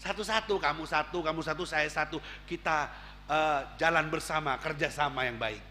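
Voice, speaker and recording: A man voicing a greedy, sly male disciple who talks softly and placatingly, recorded in an echoey hall. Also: normal speed, a little hiss or hum. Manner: soft, placating, low.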